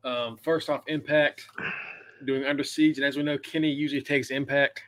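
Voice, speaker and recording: Bright-voiced man in casual podcast banter. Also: mid-range voice, little pitch movement, normal speed. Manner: informal, profane, teasing. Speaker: podcast producer and co-host.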